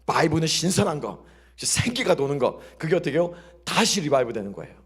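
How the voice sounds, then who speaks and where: A male pastor preaches a sermon, his voice slightly high and a little husky. He keeps asking the congregation questions and drops into soft, quiet asides. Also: very animated, a little fast. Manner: call-and-response questioning of the congregation. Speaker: senior pastor.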